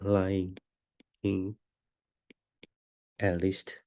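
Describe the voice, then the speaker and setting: A man lecturing on a mathematical proof step by step, with a stuffy nose from a cold and a halting, deliberate delivery. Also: low voice, completely flat delivery, mellow.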